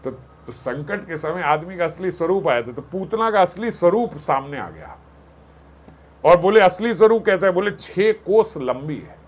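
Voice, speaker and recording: A man telling a devotional katha as a sermon, animated, acting out voices and joking with listeners. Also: sits high, moderate pace, breathy edge. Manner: animated, acts out voices and jokes with the audience. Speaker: katha storyteller.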